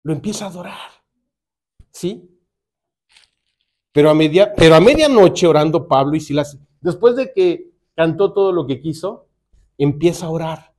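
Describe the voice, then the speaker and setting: A male preacher with a Mexican accent, delivering a sermon as animated storytelling full of rhetorical questions. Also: a little high, normal speed, pauses often.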